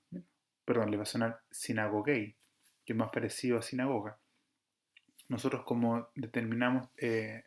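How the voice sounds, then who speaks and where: A man's voice: medium pitch, creaky. A man teaching an online Greek grammar lesson, explaining patiently step by step, correcting himself now and then and checking with his students. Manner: addresses students directly, asks rhetorical checks.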